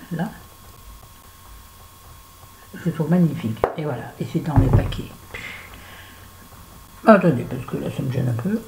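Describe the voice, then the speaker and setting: A woman's voice: low-pitched, mellow, slight background noise, low-quality recording. A French woman chatting casually through a make-up tutorial, talking to viewers and to herself as she works. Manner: chatty, talks to herself while working. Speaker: beauty vlogger.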